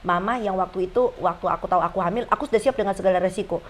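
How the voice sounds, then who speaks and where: A woman in her forties, a guest on a casual chat, telling her story in a slangy, lively way. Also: medium pitch, rapid-fire. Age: 40s. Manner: lively storyteller who acts out quoted voices; slangy, chatty.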